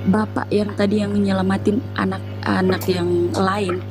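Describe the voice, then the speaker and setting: A woman recounting a personal testimony with earnest, emotional storytelling as an interview guest. Her voice sits at a middle pitch, and music plays clearly behind her. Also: flat delivery, a little slow, rough recording.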